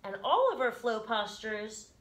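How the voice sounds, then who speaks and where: In a carpeted living room, a middle-aged woman teaches yoga casually, leading a breathing demonstration with gentle emphasis and small pauses. Her voice is a little high with big pitch swings, and the audio, taken by a camera a few feet off, is poor.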